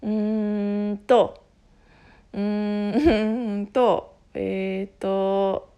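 A woman with a husky, hoarse voice chatting casually on her own, rambling and often interrupting herself in a self-deprecating way. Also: medium pitch, little pitch movement, very slow, dark tone. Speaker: podcast host making an announcement. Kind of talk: casual solo chat.

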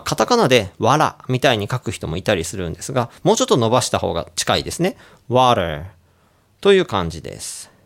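A man hosting a radio English lesson who plays a friendly doctor giving out cures and explains pronunciation in a relaxed, joking way. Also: mid-range voice, vocal fry. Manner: playful doctor role, casual asides. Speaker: radio show host and English coach.

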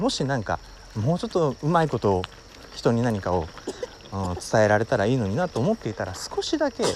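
A man from Wakayama hosting his own talk show at his family home, explaining in an unhurried way as he thinks aloud. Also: mid-range voice, darkish tone, slight background noise. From Wakayama, Japan. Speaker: podcast host. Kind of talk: casual solo talk.

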